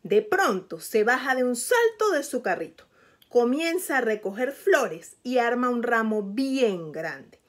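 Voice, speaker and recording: A woman reading a children's picture book aloud in a gentle tone. She turns to the young listener with questions, her voice a little high. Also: big pitch swings, unhurried. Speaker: storyteller.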